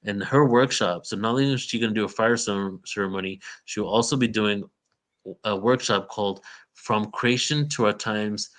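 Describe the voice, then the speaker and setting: A man's voice: on the low side, moderate pace, fairly bright tone. A man hosting an interview, introducing his guest and asking her loose, friendly questions. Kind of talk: casual interview.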